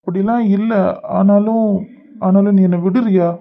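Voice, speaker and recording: A man's voice: high voice, steady tone, normal speed, narrow, tinny audio, close to an everyday voice. A man with a Kanyakumari Tamil accent voicing a brooding, short-tempered young husband in a cartoon, speaking in a snapping, exasperated way. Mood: irritated. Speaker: cartoon voice actor. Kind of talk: homemade cartoon voice acting.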